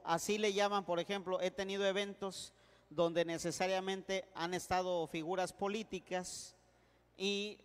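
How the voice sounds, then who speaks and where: A priest teaching a class in a playful manner, checking again and again that his students follow him. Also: sits high. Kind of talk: classroom lecture. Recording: echoey hall.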